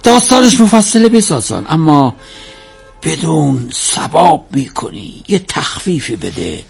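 Casting: a pious, kindly persuader in TV drama, gravelly and very animated, coaxing warmly. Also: male voice, fairly high pitch, faint music behind, exaggerated voice. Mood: earnest, coaxing. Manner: pleading, familiar, full of blessings. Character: devout, kindly, persuasive errand man helping charity.

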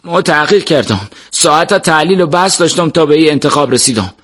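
A man doing a young male prisoner under interrogation, defiant and agitated. The voice jumps well above the reader's own pitch, pushed and heated, insisting on every line in a storybook reading. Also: big pitch swings, fairly bright tone.

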